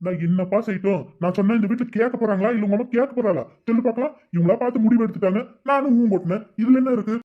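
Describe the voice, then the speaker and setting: Someone voicing a weary cartoon father who gives in to his wife. He speaks quickly and placatingly over a dull, lo-fi recording. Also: mid-range voice, close to an everyday voice. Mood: resigned. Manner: resigned, placating.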